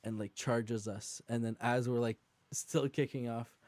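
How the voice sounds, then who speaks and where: Male podcast host, warm mellow tone, dry close sound, lively storyteller. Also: mid-range voice, a little slow, dry recording. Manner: animated storyteller, acts out quotes, laughs often. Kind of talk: casual podcast conversation.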